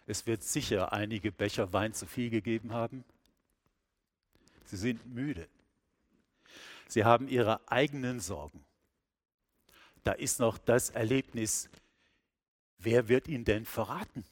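A man narrating a meditative sermon in a slow, reflective, measured way. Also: mid-range voice.

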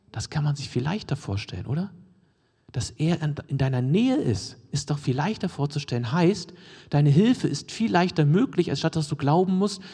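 A man's voice: fairly high pitch, mellow, husky. Conversational preacher man in a reverberant hall. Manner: conversational, asks the audience questions, frequent "ne?" and "ja?"; drops to a near whisper for emphasis. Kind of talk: sermon.

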